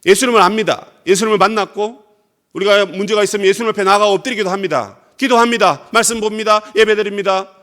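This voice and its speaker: A man's voice: high-pitched, quick pace, a bit bright. A Korean man preaching a sermon as pastor, acting out scripture quotes dramatically.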